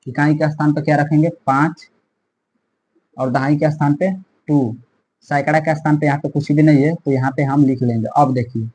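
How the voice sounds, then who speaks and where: A man's voice: fairly high pitch, fairly even intonation, normal speed, darkish tone, husky, rough recording. A man teaching a maths lesson step by step, repeating himself and checking in often. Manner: repetitive, checks in often with "theek hai".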